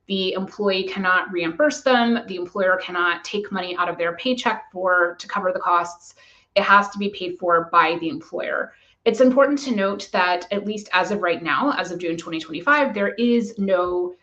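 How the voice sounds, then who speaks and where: A woman immigration lawyer giving a measured, methodical explanation to camera. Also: lowish voice, fairly bright tone, highs cut off.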